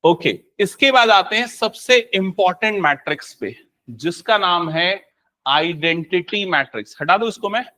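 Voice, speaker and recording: A man's voice: sits high, lively intonation, moderate pace, bright, forceful tone. A young man teaching a live maths class, firing questions at students and answering them himself, mixing English terms into Hindi.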